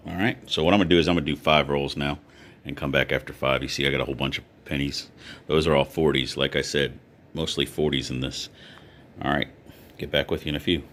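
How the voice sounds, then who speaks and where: An easygoing man with an extremely low, deep voice talks his way through a hobby vlog. He reads off dates in an unhurried, offhand way, as if talking to viewers at his table. Faint ambient noise sits behind him. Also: steady tone, a bit bright. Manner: easygoing, talks while sorting, lists coin dates. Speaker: coin collector vlogger. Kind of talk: casual hobby vlog commentary.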